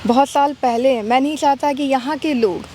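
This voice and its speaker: A woman school principal answers a reporter's questions in a measured, explanatory way. Her voice is mellow and slightly raised in pitch, with faint noise in the background. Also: fairly even intonation. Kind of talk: interview answers.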